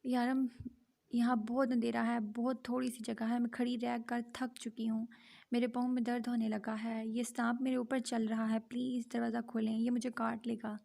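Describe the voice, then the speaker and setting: A woman's voice: on the high side, flat delivery, creaky, warm tone. A woman voicing a terrified young wife who begs desperately to be let out. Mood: pleading. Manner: begging, desperate.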